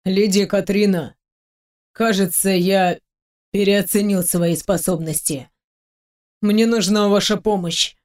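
A young swordsman, wounded but courteous, speaks in formal, polite address, a touch lower and more distant in tone than the storyteller's own voice, as a woman narrator puts him on. He sounds like a character from an audiobook fantasy tale. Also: steady tone, slow pace, pauses often, a little mellow, natural voice. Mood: weak, pleading.

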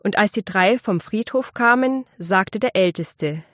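A woman narrating a fairy tale in a clear, measured storybook reading. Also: mid-range voice, lively intonation, fairly bright tone, dry recording, studio quality.

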